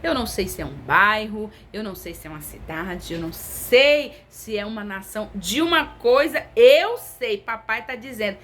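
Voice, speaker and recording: A woman's voice: medium pitch, animated, normal speed, hardly any pauses, pushed and bright, a little hiss or hum. A woman preaching a sermon in a conversational, intimate way, stretching her phrases for emphasis.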